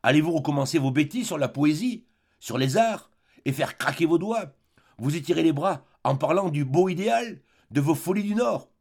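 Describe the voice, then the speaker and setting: Bossy, jealous old spinster read by a man, pitched up high, sharp and scolding, for a storybook reading. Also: expressive, moderate pace.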